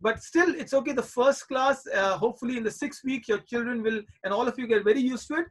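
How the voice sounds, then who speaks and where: Guy in his 40s teaching kids on a video call, really high voice, keeps reassuring them and saying things twice. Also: fast talker. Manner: reassuring, coaxing, repeats points. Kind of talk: live online class for children.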